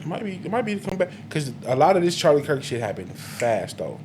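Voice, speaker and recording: High, lively male co-host, excitable and profane, always ready to laugh. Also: fast, noisy background. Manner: laughing, excitable, eggs others on. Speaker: podcast co-host. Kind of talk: casual group debate.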